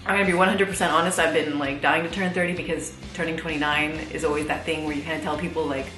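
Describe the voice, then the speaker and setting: A woman's voice: sits low, steady tone, quick pace, echoey room, music in the background. A thirty-year-old woman vlogging in a chatty, casual way, laughing often and using lots of fillers. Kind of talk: casual chat to camera.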